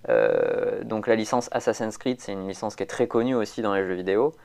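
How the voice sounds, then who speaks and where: A man's voice: fairly low pitch, very animated, brisk, vocal fry, a little mellow. A man, chatting casually as a podcast co-host, rambling with lots of fillers and restarts. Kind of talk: casual chat.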